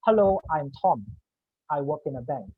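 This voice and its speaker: A man voicing a measured, pausing introvert. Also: a little high, animated, husky, narrow, tinny audio. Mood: calm. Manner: slightly longer gaps between sentences.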